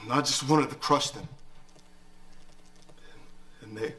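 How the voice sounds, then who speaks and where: A stammering survivor, mid-pitched, haunted and hesitant. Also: slow, fairly bright tone. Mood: shaken. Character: shaken survivor recounting driving through the dead.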